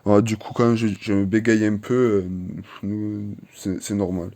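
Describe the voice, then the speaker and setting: Slow, stumbling man reading a comic aloud. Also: fairly low pitch, steady tone, warm tone, no room sound. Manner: halting, stumbling over words with restarts. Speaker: reader.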